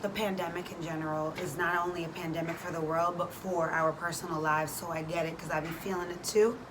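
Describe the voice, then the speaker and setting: A woman's voice: on the low side, little pitch movement, a little fast. A woman hosting a faith and fitness vlog, speaking informally and encouragingly straight to her listeners in a devotional style. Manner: informal and exhortative, direct address to listeners. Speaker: host of a faith and fitness challenge. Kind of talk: casual devotional vlog, prayer. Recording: clearly noisy background ambience.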